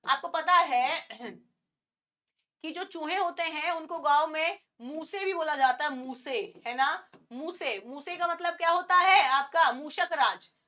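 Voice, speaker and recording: High, bright-voiced woman teaching a playful class. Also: measured pace. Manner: playful and teasing, imitates animal sounds; asks the class many rhetorical questions. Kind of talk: live online exam-prep class.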